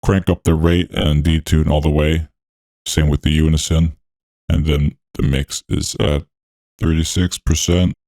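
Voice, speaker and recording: Guy using a voice changer, super low and flat, laid-back tutorial talk, dry sound. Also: unhurried, no echo. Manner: laid-back and technical, with frequent fillers. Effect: voice changer deepening his voice. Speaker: music production tutorial host. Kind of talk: walkthrough narration over a screen recording.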